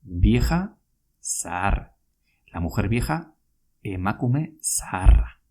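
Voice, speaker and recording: A man teaching Basque vocabulary in a podcast lesson, speaking slowly and patiently and repeating each word. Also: on the low side, sing-song, dark tone.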